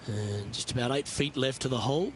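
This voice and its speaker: A man's voice: medium pitch, brisk, slight background noise, natural voice. A man playing a golf commentator in a video game, calling each shot. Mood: measured, approving.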